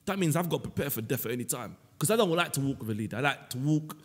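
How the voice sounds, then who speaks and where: Man, teasing podcast host, husky voice, long room echo. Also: mid-range voice, rapid-fire. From Senegal. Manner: playful, teasing, animated storytelling. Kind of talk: casual comedic chat. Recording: roomy long reverb.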